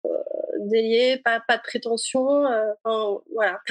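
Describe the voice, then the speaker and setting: A woman in her forties, a guest who has read the book, answers interview questions hesitantly, filling her speech with fillers and laughing often. Her voice is fairly high with a steady tone and measured pace, and the low-quality recording has no room sound.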